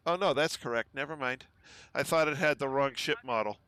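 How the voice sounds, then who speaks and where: Easygoing and talkative, a man livestreams gameplay and chats with plenty of ums, speaking briskly in a relatively low voice that sounds pushed, bright and smooth. The recording is dry, from a desk microphone at home.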